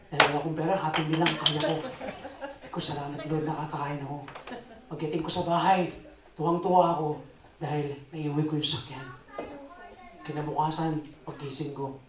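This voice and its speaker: A church member giving an animated, expressive sermon-like testimony. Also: mid-range voice, background noise. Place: church hall in Las Vegas. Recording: echoey hall, distant mic.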